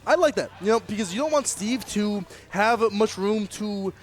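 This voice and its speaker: A man calling a fighting-game match live, energetic and jokey, with bursts of shouting at big plays. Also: high-pitched, moderate pace. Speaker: esports commentator. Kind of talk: excited live play-by-play commentary.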